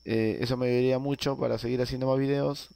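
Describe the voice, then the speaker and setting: A man's voice: mid-range voice, little pitch movement, fast talker, gravelly, mellow, no echo. A man narrating a casual video game tutorial, explaining each step with frequent filler sounds and tag questions. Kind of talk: casual screen-recorded game tutorial voice-over.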